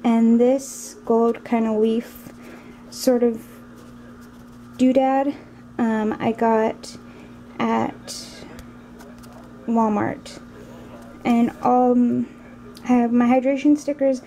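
A young woman chats through her latest craft and planner finds in a relaxed home vlog. Her voice sits a little high with a soft, mellow tone, and she talks with gushing, filler-heavy enthusiasm. A faint hiss sits under the camera-mic recording. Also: drawn-out words, pauses often, rough recording. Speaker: beauty and planner vlogger. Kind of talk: casual show-and-tell vlog. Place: at home indoors.

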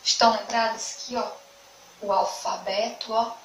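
A woman teacher with a Sergipe Brazilian accent gives an online lesson to young children, speaking in a slow, sing-song way and repeating words. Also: fairly high pitch, fairly even intonation. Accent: Sergipe Brazilian Portuguese. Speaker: primary school teacher. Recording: echoey room, mic at a distance, faint background noise.

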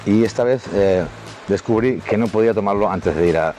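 A man from Spain with a very low voice tells stories from his career in a loose, rambling way, stopping and restarting his sentences often. When he quotes other people he lifts his voice to act them out. Faint music plays quietly behind him. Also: brisk. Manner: rambling, with many restarts and fillers; acts out quoted dialogue in a raised voice. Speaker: adult film actor telling anecdotes. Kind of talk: casual storytelling to camera.

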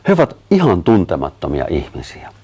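A man's voice: low voice, huge pitch swings, mellow, husky, heavily acted. A man voicing a firm zoo keeper. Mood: calm. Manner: speaks in short firm commands. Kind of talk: reading a children's story aloud.

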